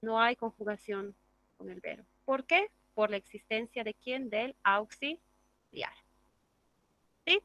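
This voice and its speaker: A woman's voice: a little high, expressive, moderate pace, pushed and bright, no room sound. A woman teaching an English grammar class, explaining step by step and checking in with the class through tag questions. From Bolivia.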